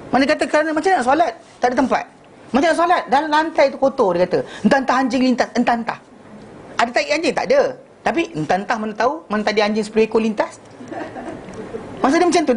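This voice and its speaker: A man leads an informal religious class at a rapid clip. He tells animated stories, acts out the dialogue, restarts his sentences often and slips into English now and then. A faint hiss sits under his voice. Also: very high-pitched. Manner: animated storytelling, acting out dialogue, many restarts; mixes in English phrases. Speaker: religious teacher.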